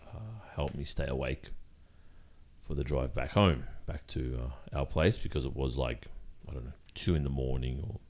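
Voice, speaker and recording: A man playing a guilty boyfriend in an ASMR role-play, speaking haltingly and carefully with long pauses. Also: extremely low pitch, steady tone, a little mellow. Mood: halting, uneasy. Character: hesitant guilty boyfriend confessing, soft and careful.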